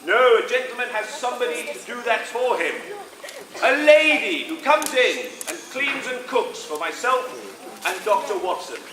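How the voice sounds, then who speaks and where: An actor playing a pompous English gentleman detective on stage with an English accent, theatrically coaxing a live audience to join in. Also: extremely high pitch, animated, normal speed. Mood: playful. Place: large indoor sports hall. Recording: echoey hall, loud audience noise. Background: noisy crowd of children.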